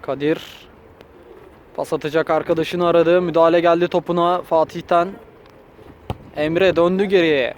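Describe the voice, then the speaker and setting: A man's voice: a little high, little pitch movement, normal speed, pauses often. A man giving live play-by-play football commentary in short, clipped phrases, raising his voice for shots and goals. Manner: short, clipped phrases naming players and moves.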